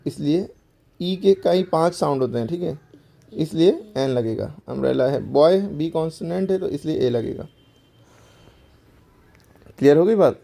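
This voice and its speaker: Male teacher, mellow voice. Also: on the high side, vocal fry. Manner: explains step by step, asks and answers his own questions. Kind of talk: grammar lesson for schoolchildren.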